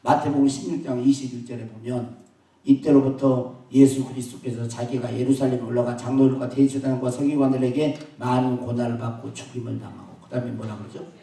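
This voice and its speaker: A man preaching a sermon as pastor of his church. He swings between loud emphatic bursts and soft asides, and he questions and jokes with the congregation. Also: medium pitch, fairly even intonation, a little fast, gravelly, distant mic. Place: church sanctuary. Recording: very echoey hall, voice from afar.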